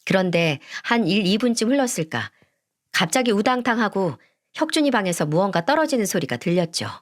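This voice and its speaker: A middle-aged woman narrating a first-person family story, gentle, polite and reflective. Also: mid-range voice, animated, a little fast.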